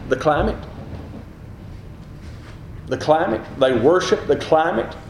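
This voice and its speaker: A man's voice: fairly high pitch, expressive, takes it slowly, reverberant, a little hiss or hum, low-quality recording. A middle-aged man preaching a sermon, rising in emphasis on key phrases. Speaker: pastor.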